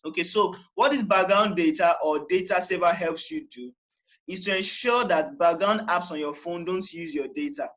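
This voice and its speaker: A man's voice: high voice, normal speed, fairly bright tone, highs cut off. A young man from Nigeria giving a chatty how-to lesson, often saying "all right" and repeating himself. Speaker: tech tutorial host. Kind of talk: casual how-to explanation.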